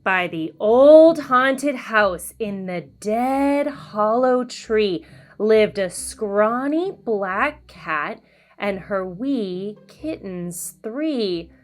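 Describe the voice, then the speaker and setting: A female children's storyteller reads aloud with a lively, swooping pitch over background music. Her delivery is animated, slow and deliberately sing-song.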